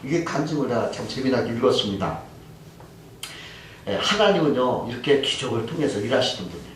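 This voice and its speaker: Lively Korean pastor in echoey church. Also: male voice, medium pitch, fairly quick, recorded from a distance, slight background noise. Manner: lively storytelling, acting out quoted voices. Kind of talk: sermon. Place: church sanctuary.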